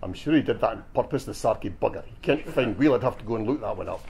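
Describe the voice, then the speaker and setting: Over some background noise, a gravelly, lowish male voice rattles along fast and expressively. He's performing a cheeky, stocky older Glaswegian with a broad accent who boasts his way through a tale at a bookshop reading.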